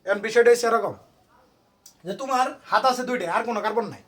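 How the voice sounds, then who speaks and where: Fast-talking, high-voiced male tutor. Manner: quizzing students with constant questions. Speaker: private tutor. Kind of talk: informal classroom lesson.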